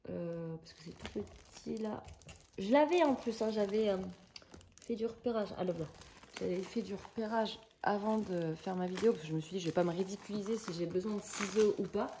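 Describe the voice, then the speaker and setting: A woman's voice: on the low side, mellow, slight background noise. Chatty, hesitant French-speaking woman. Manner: chatty, hesitant, searching for words with many fillers. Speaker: craft vlogger. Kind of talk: casual unboxing chat.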